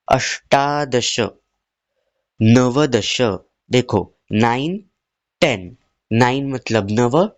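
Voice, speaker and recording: A man teaching a lesson to children, asking the same question over and over and answering slowly, drawing the words out. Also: medium pitch, no room sound. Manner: drills with repeated questions and slow, stretched answers. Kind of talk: classroom-style lesson for children.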